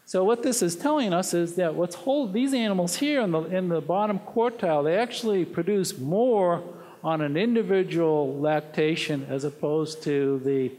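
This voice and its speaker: A man giving a technical conference presentation, halting often with filler words. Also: high voice, darkish tone. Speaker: conference speaker on dairy genetics. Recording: long hall reverb.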